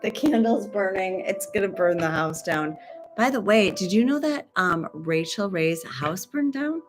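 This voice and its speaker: A woman's voice: mid-range voice, expressive, measured pace, over music. A woman casually reading tarot cards for her livestream, chatty and rambling, trailing off mid-sentence and throwing in joking asides. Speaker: tarot reader and stream host.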